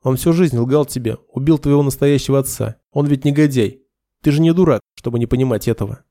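Guy playing a blunt young sergeant, cold and accusing, mellow dry voice. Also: medium pitch, fairly quick, no room sound, natural voice. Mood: calm, firm.

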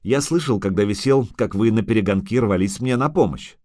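A man's voice: on the low side, a little fast, dark tone, dry recording, studio quality, lightly acted. A man voicing a cold, sarcastic male monster hunter who speaks with formal, bitter irony. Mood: coldly mocking.

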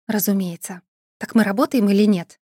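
A woman's voice: medium pitch, steady tone, brisk, dark tone, slightly rough, no echo, natural voice. Woman reading an indignant businesswoman, curt, raised voice, audiobook, dry close sound. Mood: businesslike. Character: sharp cool-headed young businesswoman, indignant.

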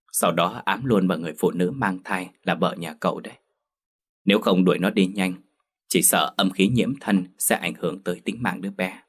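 Brief: man as hushed old shaman, very deep, husky, measured. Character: old male village shaman, calm and knowing.

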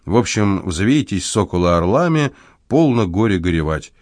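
A man's voice: deep voice, sing-song, normal speed, a little mellow, no room sound, studio quality. A man voicing a confident young con man who talks in a breezy, joking way. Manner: breezy, good-humored, mock-serious. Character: smooth confident young male swindler, playful.

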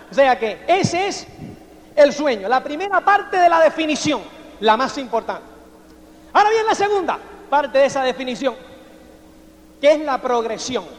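A man giving a motivational seminar talk, constantly checking that listeners follow him. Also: very high-pitched. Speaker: motivational speaker. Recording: long hall reverb.

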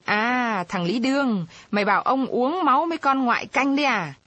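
A woman's voice: mid-range voice, animated, normal speed, breathy edge, no echo, muffled recording. A woman voicing a drunk, belligerent old village chief. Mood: furious. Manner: belligerent, shouting.

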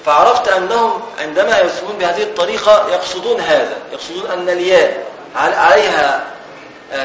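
An Egyptian man gives a religious lesson in a fairly high, bright voice. He reads the classical text, then unpacks it in everyday speech and repeats the main points. The room is echoey, with a faint hiss behind him. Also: lo-fi sound. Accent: Egyptian Arabic. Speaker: religious teacher.

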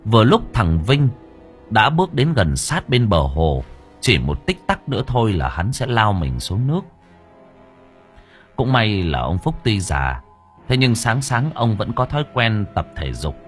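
Expressive male storyteller, lively, low voice. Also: measured pace, soft background music. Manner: expressive, shifting tempo. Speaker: audiobook narrator. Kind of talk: dramatic story narration.

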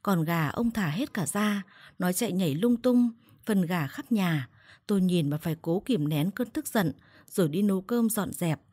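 A woman's voice: on the low side, expressive, normal speed, dark tone, no room sound. A woman narrating a first-person family story in a blunt, feisty way.

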